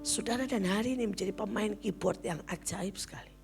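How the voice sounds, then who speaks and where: Speaking fast in a creaky, medium-pitched voice with music behind her, a woman preacher shares personal stories in her sermon. She addresses listeners as "saudara," brothers and sisters, over and over, and animatedly performs the voices of those she quotes.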